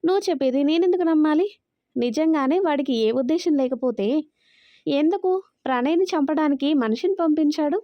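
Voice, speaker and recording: Brief: woman reading hot-tempered young woman, high, scolding, dry slightly muffled audio. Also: brisk, no echo, lightly acted. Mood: angry scolding. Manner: scolding, accusing. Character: angry sharp-tongued young woman. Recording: dry, slightly dull recording.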